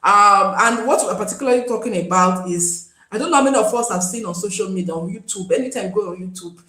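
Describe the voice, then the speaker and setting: A woman's voice: mid-range voice, fast talker, sharp tone, echoey room, rough recording. A Nigerian woman hosting a live stream, chatting casually and pleading with viewers to join. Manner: pleading, chatty, switches into pidgin.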